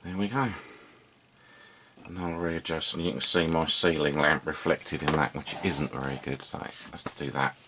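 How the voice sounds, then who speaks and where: In a very deep, steady voice at a moderate pace, a hobby radio repair video host gives a casual, unscripted demonstration at an indoor workbench. He sounds understated and hesitant, thinking aloud as he works, and the background is noisy.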